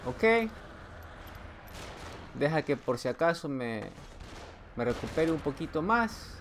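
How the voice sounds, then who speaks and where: A man giving joking running commentary while playing a horror game. He teases the character on screen and now and then lets out a sudden yell. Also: a little high, big pitch swings, slow, a little hiss or hum. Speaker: gameplay commentator. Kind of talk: let's play commentary.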